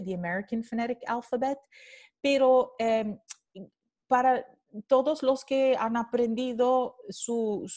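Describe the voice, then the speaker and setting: A woman lecturing on linguistics over slides, unhurried and deliberate. She often repeats example words slowly and checks in with her students. Her pitch sits in an ordinary middle range. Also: darkish tone.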